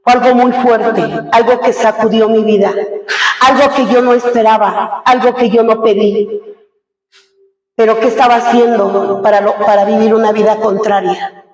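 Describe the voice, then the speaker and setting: A woman's voice: on the high side, fairly even intonation, moderate pace. Middle-aged female pastor, emotional testimony style with rhetorical questions; long hall reverb. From Mexico. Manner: emotional, asks the congregation many rhetorical questions. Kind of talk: church testimony to a congregation. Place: large church hall. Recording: echoey hall heard from far off.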